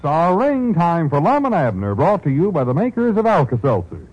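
A man announces in the polished manner of an old radio show, his voice lifted high and swinging widely in pitch. The sound is muffled and dull like a vintage broadcast, and loud theme music plays under him. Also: wildly swooping pitch, normal speed.

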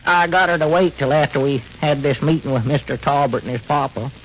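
An actor playing a worried, reluctant old rural storekeeper in 1940s radio comedy, with folksy speech, on an old radio recording. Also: male voice, fairly high pitch, steady tone, brisk, slight background noise, close to an everyday voice, low-quality recording. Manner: folksy, fretful rustic speech.

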